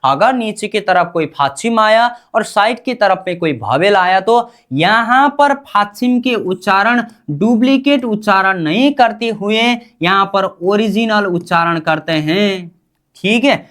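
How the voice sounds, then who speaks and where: Slow, repetitive woman teacher. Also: medium pitch. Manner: asks questions and answers them herself, repeats each term. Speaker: language teacher. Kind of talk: slow call-and-response lesson.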